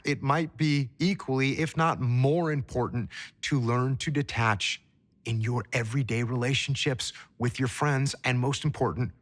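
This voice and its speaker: A man giving a motivational leadership talk, speaking emphatically, swinging between sharp high rises and low, quiet drops.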